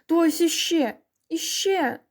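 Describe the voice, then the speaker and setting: A woman voicing an excitable, bold village boy who shouts in a shrill, squealing voice in a storybook reading. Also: measured pace. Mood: defiant shouting.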